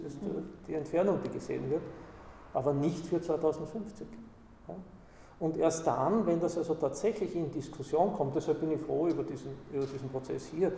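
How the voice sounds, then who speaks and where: A man talks in a gravelly, slightly high voice that wanders from point to point, often tagging his remarks with a questioning "Ja?". He sounds a little distant in a hall with a long echo. A faint room ambience sits behind him. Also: dark tone, slight background noise. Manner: discursive, tags points with "Ja?".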